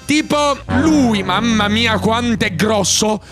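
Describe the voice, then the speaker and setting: Hyper high-voiced man commenting gameplay. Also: slow pace, over music. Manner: loud, hyper, shouting and sing-song outbursts. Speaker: gaming YouTuber.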